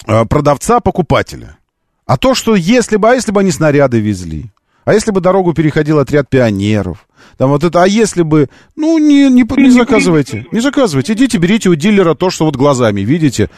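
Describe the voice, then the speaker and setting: A man's voice: on the high side, very animated, fast talker, darkish tone, no room sound, studio quality. A man hosting a live call-in radio show, arguing insistently and repeating phrases for emphasis. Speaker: radio talk show host.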